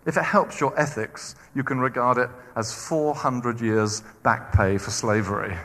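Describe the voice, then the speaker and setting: A man's voice: mid-range voice, unhurried, in a large hall, slight background noise. A man preaching a sermon, acting out quoted voices as he goes. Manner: animated, acts out quoted voices.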